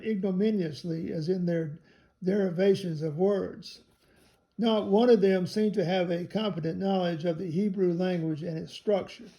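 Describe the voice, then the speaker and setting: Gravelly-voiced man reading a book aloud. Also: sits high, dark tone. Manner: measured reading that spells out words letter by letter. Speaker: reader of a theology text.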